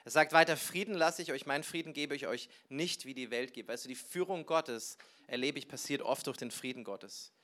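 A man preaching a sermon, telling personal stories with lively, animated delivery and acting out conversations with sudden loud bursts. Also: mid-range voice, fairly quick, few pauses. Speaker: pastor.

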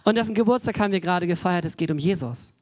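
A woman in her forties preaches a sermon, speaking conversationally and directly to the congregation, with fillers and self-corrections. Her voice is lowish and a little mellow, racing along, with no room sound.

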